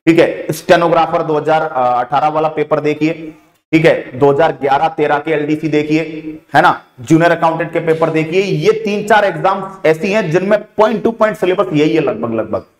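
A male exam coaching teacher with a Rajasthani Hindi accent, briskly running through syllabus topics with frequent "theek hai" fillers and calling students "beta". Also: a little high. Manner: addresses students familiarly as "beta". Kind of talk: online exam coaching lecture. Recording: echoey room.

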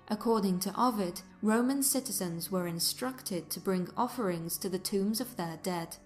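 A woman narrates a history documentary from a script. Her voice sits at a middle pitch, and her delivery is formal, carefully articulated and measured. Music plays behind her. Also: darkish tone. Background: music under the voice.

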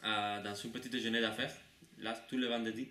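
Bright-voiced Cuban man. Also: fairly low pitch, flat delivery, a little fast. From Cuba. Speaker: student. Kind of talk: interview answers. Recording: echoey room, mic at a distance, noise.

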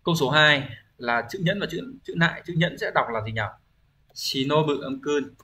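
In a recorded exam-review language lesson, a man with a fairly high, sharp-toned voice explains things patiently at a moderate pace. He often asks rhetorical check-in questions and fills his thinking aloud with hesitations.

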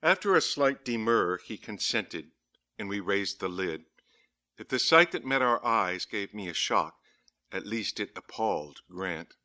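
Male audiobook narrator, lowish pitch, bright forceful tone, measured dramatic reading. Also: expressive. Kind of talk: scripted narration of a diary.

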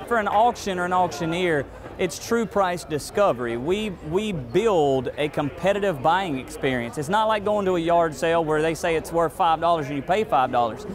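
An American man in his thirties, an auctioneer, explaining his work in an interview. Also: a little high. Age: 30s. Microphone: lapel. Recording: event interview with crowd behind.

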